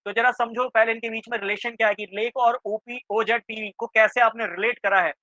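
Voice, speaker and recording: A man teaching a reasoning class for exam prep, quizzing students with quick questions and checking often that they follow. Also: very high voice, steady tone, bright, forceful tone. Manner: keeps checking in with students, asking "clear?". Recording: dry, slightly dull lo-fi sound.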